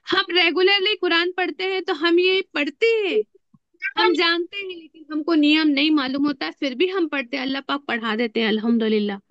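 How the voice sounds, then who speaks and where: A woman teaching an Arabic grammar class, often asking her students questions and repeating key words slowly. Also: high voice, a bit bright, dry recording, muffled recording. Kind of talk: classroom lesson explaining rules with questions to students.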